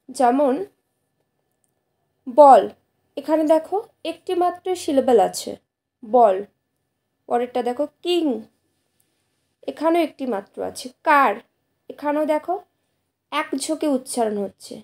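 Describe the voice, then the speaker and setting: A woman, teaching a lesson to students in a patient, explanatory way and sounding out example words slowly. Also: high-pitched, mellow. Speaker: English teacher.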